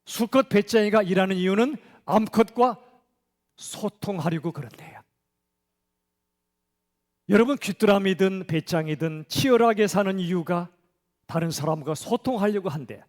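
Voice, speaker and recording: Male pastor, middle-aged, high voice, conversational sermon, church hall echo. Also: moderate pace, pauses often. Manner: conversational, asks the congregation questions. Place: church sanctuary.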